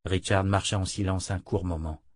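A man narrating a fantasy audiobook in a measured, even reading. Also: sits low, no room sound.

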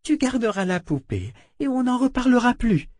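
Man doing a spoiled princess girl, high, sneering, imperious, dry close sound. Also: big pitch swings, normal speed, darkish tone, dry recording. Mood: pleading. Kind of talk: storybook read-aloud voice.

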